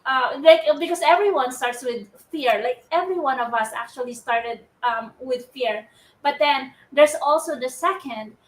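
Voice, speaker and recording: A woman from the Philippines with a high, bright voice hosts a live show in a chatty, rambling way, often restarting her thoughts. She sounds set back from the mic in a roomy, echoing space. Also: distant mic. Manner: upbeat, rambling, frequent restarts. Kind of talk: casual live-stream talk. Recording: roomy audio from away from the mic.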